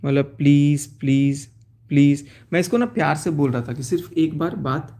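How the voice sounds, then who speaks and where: A man's voice: a little high, expressive, brisk, a little mellow. A young man talking to his viewers from his car, agitated as he recounts a betrayal in a personal vlog. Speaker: vlogger.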